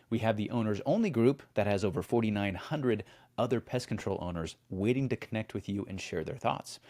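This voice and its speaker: A man's voice: lowish voice, a little mellow. A man co-hosting a podcast, chatting casually and then reading the show promo and guest introduction in an upbeat announcer manner. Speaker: podcast co-host.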